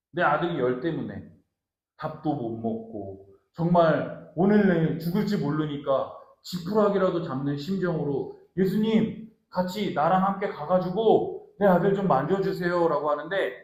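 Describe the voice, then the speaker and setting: Male pastor, lively sermon, quizzing listeners, high voice, roomy echo. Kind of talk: sermon for a small family congregation. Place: small office used as a church.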